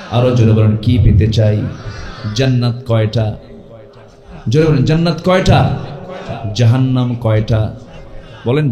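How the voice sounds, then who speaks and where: Man, Bangladeshi Bengali accent, waz sermon, calls for loud crowd replies, slow deliberate delivery, echoey sound system. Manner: calls on the crowd to answer loudly, sudden high shouted climaxes. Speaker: preacher. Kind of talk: Bangla waz sermon with sung Quran recitation.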